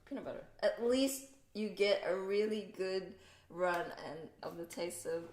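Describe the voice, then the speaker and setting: A woman's voice: mid-range voice, unhurried, a little mellow, echoey room. A woman hosting a casual spiritual livestream, chatty and laughing as she greets viewers by name. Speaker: host.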